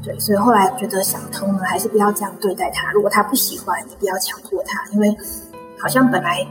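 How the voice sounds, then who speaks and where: A woman author with a Taiwanese Mandarin accent, telling stories in a gentle, reflective way as an interview guest and often saying "对". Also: mid-range voice, fairly even intonation, fast, music in the background. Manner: gentle, reflective storytelling with frequent filler "对". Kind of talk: casual interview chat.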